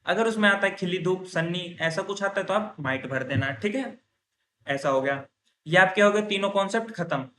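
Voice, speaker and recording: Male grammar teacher, high-pitched voice, lecture style; asks his own questions and stresses example sentences loudly and slowly. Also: lively intonation. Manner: explains step by step, often asks and answers his own questions. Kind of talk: classroom lecture.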